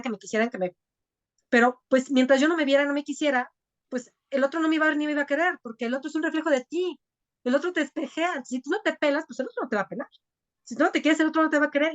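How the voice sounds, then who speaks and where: Woman coach in her forties, high-pitched, rapid and earnest, on a video call. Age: 40s. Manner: earnest, talks fast, many "o sea" asides. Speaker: coach leading an online women's group. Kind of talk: live online class with personal testimony.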